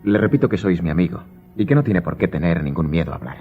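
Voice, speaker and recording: Composed count, very deep and brisk. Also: male voice, big pitch swings. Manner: formal, assured. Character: composed, protective aristocratic count, master of the house. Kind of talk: radio drama acting. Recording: slightly muffled, faint music behind.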